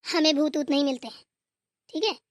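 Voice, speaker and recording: A woman's voice: high voice, a little fast, no room sound, clean studio sound, close to an everyday voice. A woman voicing a grumpy older mother-in-law who nags and scolds in a comic family skit. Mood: scolding. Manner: bossy, nagging scolding.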